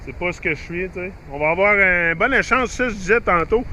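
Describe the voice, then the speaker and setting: Slight background noise accompanies a high-pitched, expressive male voice that is fairly quick, bright and forceful. He's a middle-aged man with a Québécois French accent, rambling casually to YouTube viewers with lots of fillers and restarts while mixing in English phrases.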